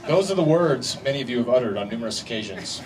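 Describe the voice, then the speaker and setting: A man's voice: mid-range voice, expressive, quick pace, over a noisy crowd. Man giving a wedding speech, distant noisy recording. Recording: distant mic, noisy live event ambience.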